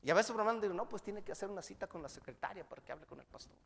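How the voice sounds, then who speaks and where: A man with a Mexican Spanish accent, a pastor preaching a sermon to his congregation, calling out to the brethren, moving between loud passages and hushed ones. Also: high-pitched, animated, rapid-fire, gravelly, a little hiss or hum. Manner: preaching with frequent calls of "hermanos", swings between loud and hushed. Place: church sanctuary. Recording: church hall with long reverb.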